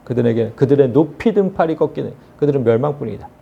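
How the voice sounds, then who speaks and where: A man preaching a sermon as pastor, earnest and animated, asking the congregation rhetorical questions. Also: medium pitch, fast, gravelly, breathy edge, phone-quality sound.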